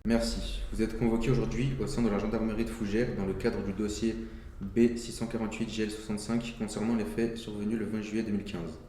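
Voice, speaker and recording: A man's voice: on the low side, flat delivery, a little fast, mellow, heavy reverb, long reverb tail, slight background noise, close to an everyday voice. A man playing a gendarme who questions witnesses in a formal, pointed way. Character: formal male gendarme interrogator. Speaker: investigator.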